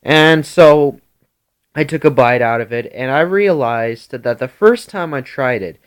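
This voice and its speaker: A man's voice: mid-range voice, unhurried, clear, resonant tone. A man telling a meandering improvised story, full of restarts and filler words.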